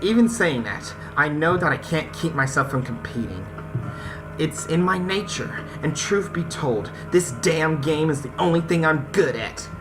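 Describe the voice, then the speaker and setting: The audio is poor, and game music from the visual novel plays behind the voice. In an animated, mid-range voice that runs a little slow, the host reads the text aloud, stumbles over some words, and addresses viewers directly with casual let's-play asides.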